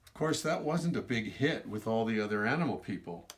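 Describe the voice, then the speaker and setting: A man with a fairly low, animated voice reads his own children's book aloud a little fast. He tells the story expressively, stretching words for emphasis and slipping in explanatory asides.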